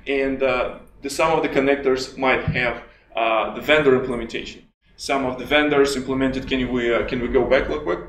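A man with a Russian accent giving a conference talk, halting with many restarts and fillers. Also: medium pitch, fairly even intonation, fairly bright tone, a little hiss or hum. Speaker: conference speaker. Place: conference hall. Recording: echoey hall from far off.

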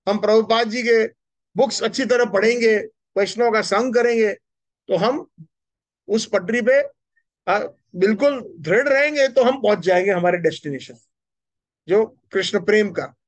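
Speaking into a stand mic held close, a man with a high voice gives a lively Hindi devotional sermon inside a temple hall. He gestures as he talks and puts questions to his listeners, and the sound is dry.

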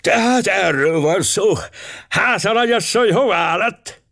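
A man's voice: high voice, creaky, a bit bright, voice pushed up. A man reading an audiobook, voicing an old, gossipy retired general who drawls his words knowingly. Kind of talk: audiobook character voice.

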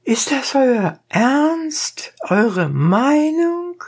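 Stubborn donkey driver , narrator doing the voice, high and pedantic, gravelly edge, slow. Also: expressive, exaggerated voice. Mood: cold challenge. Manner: high, drawn-out, pedantic insistence. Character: stubborn male donkey driver, defiant and cool. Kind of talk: audiobook narration.

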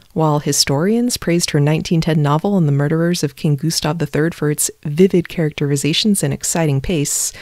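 A woman host narrating history from a script, with wry, conversational asides on a low-budget home mic. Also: a little mellow, no room sound, studio quality.

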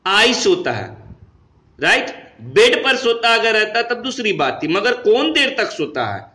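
A man's voice: high-pitched, very animated, unhurried, pushed and bright, echoey room, low-quality recording. A man with an Indian accent teaching English grammar, mixing Hindi and English and asking his students questions, then answering them himself.

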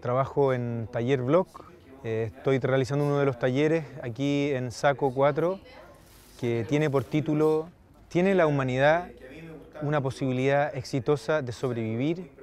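A man leading an art workshop, calmly explaining its theme in a documentary interview. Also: medium pitch, normal speed. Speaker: workshop artist.

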